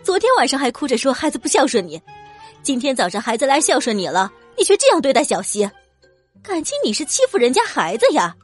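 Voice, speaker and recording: A woman voicing a loud, indignant village aunt in an audio drama. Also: sits high, sing-song, brisk, husky, faint music behind, full character voice.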